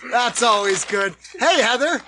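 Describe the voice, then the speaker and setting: A man hosting and telling a story in a joking way, laughing often and adding quick asides, at an outdoor party. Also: extremely high pitch, animated, background noise. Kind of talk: casual storytelling. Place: outdoor party around a fire.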